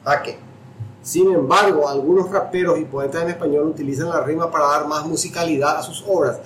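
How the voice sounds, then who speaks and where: A man with a slightly raised pitch talks loosely, stopping and restarting his sentences as he explains. His voice bounces around an echoey room, and faint noise sits underneath it. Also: steady tone, a little fast. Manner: rambling, many restarts and fillers. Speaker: host demonstrating a chatbot. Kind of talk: casual chat.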